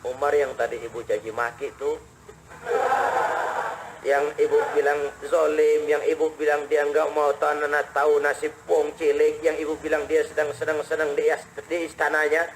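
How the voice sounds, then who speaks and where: A man voicing a gentle, humble caliph in a sermon story, speaking in a hushed, kindly tone. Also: fairly high pitch, flat delivery, normal speed, background noise, pitched below the performer's own voice, lightly acted. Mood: tender. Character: gentle, humble male caliph, middle-aged.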